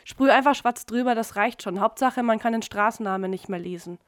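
A woman reading aloud, voicing a pushy, fanatical young man who gives orders forcefully. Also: on the high side, brisk, no room sound, studio quality, close to an everyday voice.

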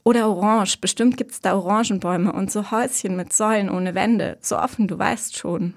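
A woman's voice: medium pitch, moderate pace, lightly acted. A woman voicing a curious younger sister who asks eager, wondering questions.

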